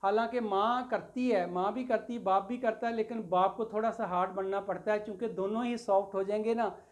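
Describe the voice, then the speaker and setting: A woman's voice: mid-range voice, steady tone, moderate pace. A woman teaching a poem in a classroom-style lecture, reading English phrases and explaining them line by line with lots of repetition and fond asides to her students. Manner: explains line by line, repeating and glossing English words, addresses students as "beta".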